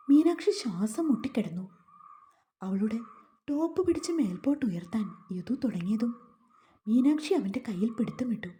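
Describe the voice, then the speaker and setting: A woman storyteller reading a romance novel aloud at a steady, calm pace. Her voice is slightly high for a woman, yet very mellow and dark in tone. The delivery is smooth and scripted. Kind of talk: scripted audiobook narration.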